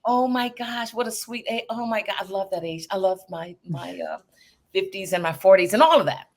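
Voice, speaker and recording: A woman's voice: medium pitch, moderate pace. A woman in her fifties hosting a podcast interview, effusive and enthusiastic, with gushing exclamations. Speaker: podcast host.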